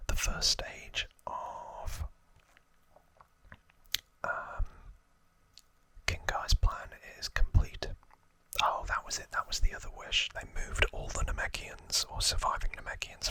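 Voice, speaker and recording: Slow and sharp-toned, a male ASMR host gives an unvoiced, whispered recap up close to the microphone. He rambles hesitantly and corrects himself in this informal clip, and the recording is dry.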